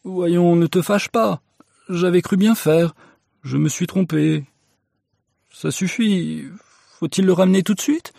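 A man's voice: high voice, slow pace, creaky, long pauses, darkish tone, no room sound, clean studio sound, voice pushed up, exaggerated voice. A man voicing a timid, good-hearted middle-aged bargeman who pleads with his wife, in a storybook reading. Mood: pleading. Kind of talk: audiobook character voice.

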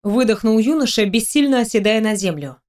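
A woman's voice: on the high side, fairly quick. Woman narrating a fantasy audiobook. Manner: expressive storytelling, with the heroine's lines read in her own voice.

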